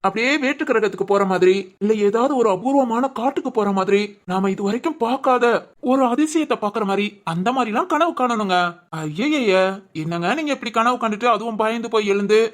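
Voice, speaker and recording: A woman voicing a gentle young husband who soothes and teases his wife in a village family drama. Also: on the high side, expressive, fairly quick, close to an everyday voice. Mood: soothing. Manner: soothing, teasing. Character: gentle reassuring young husband, loving and playful.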